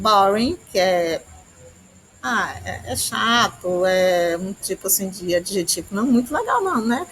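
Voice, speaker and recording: A woman's voice: medium pitch, a bit bright, slight background noise, rough recording. A woman from Brazil teaching English grammar, explaining each rule step by step and often checking in with the class.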